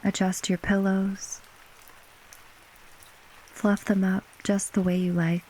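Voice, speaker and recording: Slow, soothing woman narrating a sleep story. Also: medium pitch, a little hiss or hum, rough recording. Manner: gentle, unhurried, with long pauses between short phrases. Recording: steady rain ambience behind voice. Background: rain falling.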